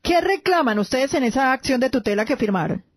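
A woman's voice: high voice, expressive, fairly quick, no echo. Probing woman radio host. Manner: probing, many hesitation fillers. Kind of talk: radio news interview.

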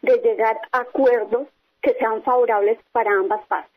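A woman speaks firmly over a telephone line, pressing the same points again and again. Her voice sits a little high, and the sound is thin and tinny like a phone call. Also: fairly even intonation, normal speed. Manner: firm, insistent, repeats her points. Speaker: company employee interviewed by phone. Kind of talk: phone interview.

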